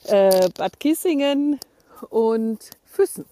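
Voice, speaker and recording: A woman's voice: a little high, animated, slow pace, mellow, no room sound. A woman co-hosting a casual podcast chat while out on a walk, her mic crackling and distorting as she moves and laughing now and then. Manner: talking while out walking, laughs often. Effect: crackling, distorted mic from walking. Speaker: podcast co-host. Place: outdoors by a small lake. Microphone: mobile mic carried while walking.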